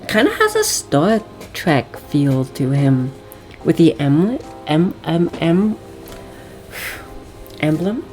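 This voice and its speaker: An excitable woman streamer who blurts out her reactions while playing a game. She talks slowly in a low voice that swings widely in pitch, and game music plays clearly underneath. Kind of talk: casual game commentary.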